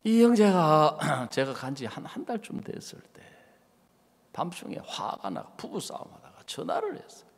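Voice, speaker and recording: A man preaching as a pastor, telling a story with animated delivery and voicing the people in it. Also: fairly high pitch, normal speed, vocal fry, breathy edge. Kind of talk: sermon with acted-out anecdote. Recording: church hall reverb.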